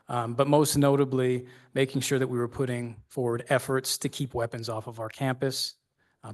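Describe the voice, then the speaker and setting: A man giving a measured update as a school district safety coordinator at a board meeting. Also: medium pitch. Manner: measured, briefing tone with fillers. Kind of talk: formal board meeting presentation.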